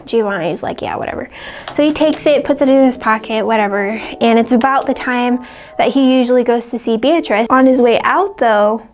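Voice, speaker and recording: Chatty young-sounding woman, light high voice. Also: fairly quick. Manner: chatty, heavy use of "like", laughs often. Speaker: book vlogger. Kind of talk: casual book retelling.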